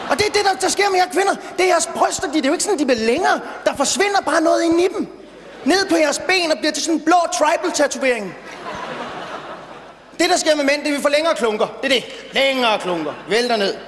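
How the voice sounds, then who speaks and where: A man's voice: extremely high pitch, animated. A young man doing a brash, rambling stand-up routine on stage, sometimes stuttering when worked up. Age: young adult. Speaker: stand-up comedian. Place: stage in a large hall before an audience. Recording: reverberant hall, faint noise.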